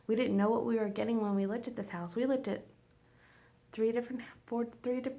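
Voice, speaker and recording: A woman in her forties, a home vlogger chatting casually, rambling and heartfelt and teary, often dropping to a soft near-whisper. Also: on the high side, steady tone, brisk. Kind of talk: casual chat.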